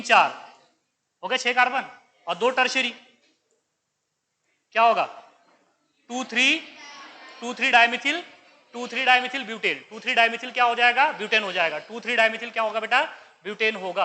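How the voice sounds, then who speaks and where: A man's voice: high-pitched, bright, forceful tone. A man teaching chemistry, working through an exam paper and firing repeated questions at his students, mixing English science terms into his Hindi. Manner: quizzing students with repeated questions, calls them beta. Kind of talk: exam paper discussion lecture.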